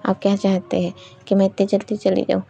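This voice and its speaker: A woman's voice: mid-range voice, monotone, brisk, creaky, dark tone, husky. A woman voicing a hurt younger sister who pleads and reproaches her elder sister. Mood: reproachful. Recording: dull recording, faint music behind.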